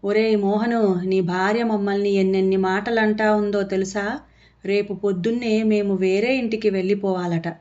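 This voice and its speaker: A woman voicing a sharp-tongued, sarcastic older mother-in-law in a storybook reading. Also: mid-range voice, steady tone, normal speed, close to an everyday voice. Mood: scornful. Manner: sarcastic, scolding. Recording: dull lo-fi audio.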